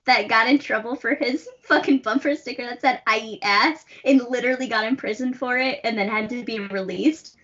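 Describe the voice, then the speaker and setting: A young woman co-hosts a podcast, joking bluntly and swearing without a second thought. Her voice sits a little high and sounds bright. It comes through muffled video-call audio. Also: a little fast, hardly any pauses. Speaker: podcast co-host. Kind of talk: casual chat. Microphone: recorded over video call.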